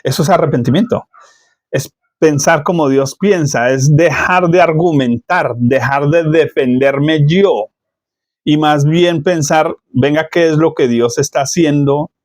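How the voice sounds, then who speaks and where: A man's voice: a little high, a little slow, darkish tone, no echo, studio quality. A middle-aged man with a Colombian accent preaching a sermon in a conversational way, full of rhetorical questions. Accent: Colombian Spanish.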